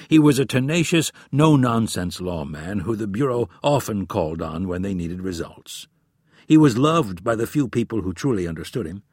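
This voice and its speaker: Man, audiobook narrator, thriller, husky voice, middle pitch, dry sound. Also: no room sound.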